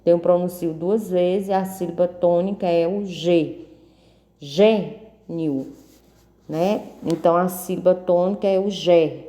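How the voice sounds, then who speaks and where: A woman's voice: lowish voice, fairly even intonation, normal speed, warm tone. A woman teacher going through a worksheet correction, patiently repeating and drawing out words to mark the stressed syllable. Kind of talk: slow worksheet correction lesson.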